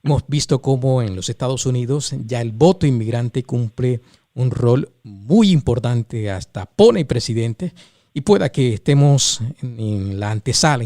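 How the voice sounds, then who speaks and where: A man hosting a radio interview, speaking conversationally in measured short phrases. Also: medium pitch, mellow, no room sound, clean studio sound.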